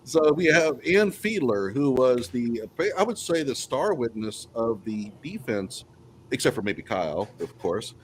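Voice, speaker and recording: A man hosting a live online panel in a casual, talky way. His voice sits at an ordinary pitch, with a faint hiss of noise under it. He runs things loosely and stumbles now and then. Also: very animated, unhurried. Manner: loose, laughing, trips over words. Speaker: livestream host.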